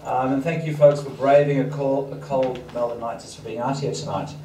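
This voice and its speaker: Speaking a little fast with fairly even intonation, the seminar speaker has a dark, mid-range voice and a slight foreign accent; he grew up in Africa and Danish is his first language. His talk to the event-hall audience is chatty and self-deprecating, picked up from a distance in a roomy, noisy hall.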